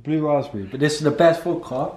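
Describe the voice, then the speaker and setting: A man's voice: fairly high pitch, lively intonation, fast, darkish tone, breathy edge. An eighteen-year-old man chatting casually with his older brother at home, playful and insistent. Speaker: vlogger's younger brother. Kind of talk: casual chat. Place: apartment living room indoors.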